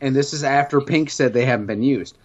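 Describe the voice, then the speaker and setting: A man's voice: medium pitch, brisk. A middle-aged man with a New York accent co-hosting a podcast, telling stories in a sarcastic, profane casual chat. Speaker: podcast co-host. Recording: dull lo-fi sound.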